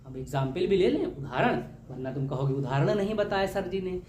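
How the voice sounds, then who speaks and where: Fairly quick and a little mellow, a man's slightly high voice carries lively intonation through a grammar lesson for exam prep. Joking and homely, he fires off question after question and repeats the answers playfully. There's room echo and a faint hum in the background.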